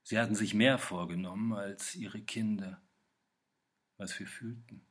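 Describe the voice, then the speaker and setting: A man giving a literary poetry reading in a slow, measured recitation with pauses. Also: on the low side, fairly even intonation, slightly rough. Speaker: reader.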